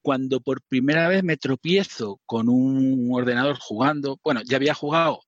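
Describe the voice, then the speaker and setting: A man's voice: mid-range voice, normal speed, no echo. A middle-aged man, telling stories as a podcast guest in a chatty, self-mocking way. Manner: chatty, self-mocking, often laughing and restarting. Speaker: podcast guest, former magazine writer. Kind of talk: casual interview storytelling. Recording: dull lo-fi dry sound.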